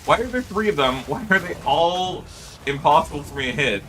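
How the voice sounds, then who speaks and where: Guy streaming a game and chatting w chat, super lively up and down voice, bright tone, laughs a lot, desk mic. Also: brisk, a little hiss or hum. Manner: animated, laughs often, high-pitched yelps. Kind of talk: casual gaming livestream chat. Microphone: desk microphone.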